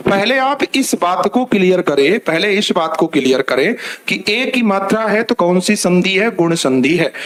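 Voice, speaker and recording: Explain this like a high-voiced man teaching an online grammar class, taking it step by step. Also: animated, moderate pace, hardly any pauses, fairly bright tone. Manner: explains step by step with rhetorical questions and repetition; addresses listeners as children.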